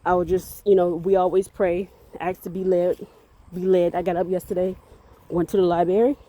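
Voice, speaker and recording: A woman's voice: lowish voice, flat delivery, normal speed, dark tone. A woman sharing a rambling, faith-filled parenting story in a casual vlog, a little out of breath as she walks outdoors. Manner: earnest, rambling, faith-filled, repeats words. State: a bit out of breath. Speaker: parent vlogger.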